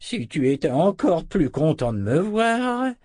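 A man voicing a cranky, hungry old male wizard in a slow, raised, quavering voice. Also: a little high, very animated, darkish tone, no room sound, studio quality, voice pushed up. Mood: grumbling.

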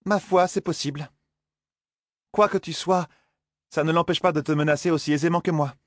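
A man reading an audiobook voices a bold, quick-tongued young woman who fires off sharp, challenging questions. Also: on the high side, fairly even intonation, dry recording, clean studio sound, voice pushed up, natural voice. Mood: defiant.

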